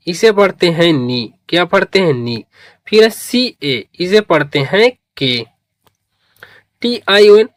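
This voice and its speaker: A man's voice: sits high, no room sound, clean studio sound. A man teaching English spelling, reading each word letter by letter, then asking his students to say it back. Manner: spells words letter by letter and asks students to repeat. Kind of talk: slow spelling lesson.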